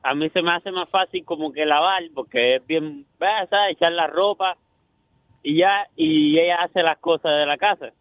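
A man's voice: fairly high pitch, moderate pace, dry recording. Male radio caller, hesitant, heard over a dry, phone-like line. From Cuba. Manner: hesitant, many fillers. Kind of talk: phone-in call.

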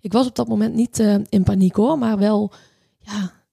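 A woman in her thirties telling a personal story in a halting, reflective way, with many restarts and fillers. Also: medium pitch, fairly even intonation, creaky, dark tone, slightly rough, no echo, studio quality.

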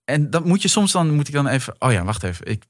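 A man's voice: on the high side, sing-song, fast talker, no room sound, studio quality. A man in his forties, a guest actor and writer, telling personal stories in a casual talk. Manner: thoughtful anecdotes, many fillers. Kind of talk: casual chat.

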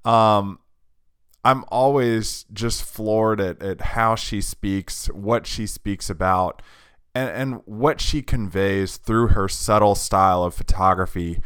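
A man hosting a podcast, introducing the show and his guest in a relaxed, casual way. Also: lowish voice, slow pace, clear, resonant tone, dry recording, clean studio sound. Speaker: podcast host.

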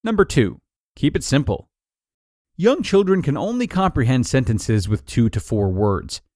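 A man narrates a written article aloud from a script, working through a list of numbered tips in a clear, steady voice at a moderate pace. His pitch moves up and down with lively energy, and the recording is close and dry with no echo.

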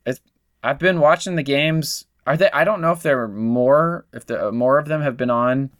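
A man's voice: mid-range voice, normal speed, a bit bright, no echo, studio quality. A man co-hosting a casual sports fan podcast, chatty and enthusiastic. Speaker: podcast co-host.

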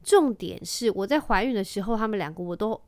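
A woman, a mother telling stories to her vlog audience in a lively, chatty way and mixing in English phrases. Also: medium pitch, a little fast, smooth, dry recording. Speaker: vlogger and mother. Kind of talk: casual chatty monologue.

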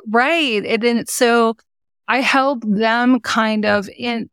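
Smooth-voiced woman coach, encouraging. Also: a little high, steady tone, slow pace, fairly bright tone, dry recording, clean studio sound. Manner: earnest, encouraging. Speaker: business coach for mothers, podcast guest. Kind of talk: conversational interview.

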